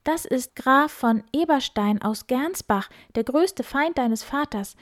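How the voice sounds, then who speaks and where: A woman's voice: high-pitched, animated, slow pace, no room sound, studio quality, pitched above the performer's own voice. A woman voicing a frightened noble wife in a children's story, stammering and urgent.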